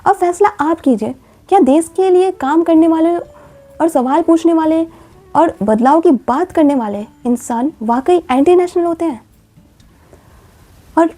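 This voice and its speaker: A woman's voice: high-pitched, mellow. A woman hosting a commentary vlog, speaking with passion and asking pointed rhetorical questions. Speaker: vlogger.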